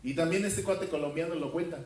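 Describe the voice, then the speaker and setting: A pastor giving a verse-by-verse sermon, asking his congregation questions and filling pauses with hesitations. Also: on the high side, a little hiss or hum. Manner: questions the congregation, many fillers. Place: church hall. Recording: roomy hall from far off.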